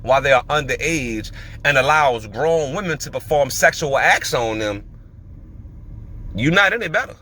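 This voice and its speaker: A male podcast host with a medium-pitched voice talks at a moderate pace, telling animated stories and giving emphatic, slangy opinions in casual commentary.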